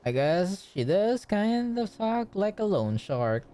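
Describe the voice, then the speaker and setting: A woman's voice: medium pitch, big pitch swings, slow, warm tone. A woman streaming a game with casual, blunt, sweary reaction commentary.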